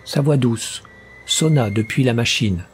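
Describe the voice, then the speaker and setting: A man narrating a first-person story as an audiobook, in a measured, literary storytelling manner. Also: mid-range voice, slight background noise.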